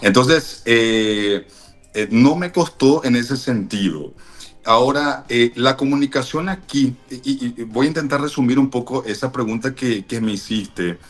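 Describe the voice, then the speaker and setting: A Paraguayan man being interviewed, explaining things in a measured way with frequent fillers and restarts. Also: medium pitch, faint music behind. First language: Spanish. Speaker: interview guest, language teacher. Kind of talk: thoughtful explanatory interview answers.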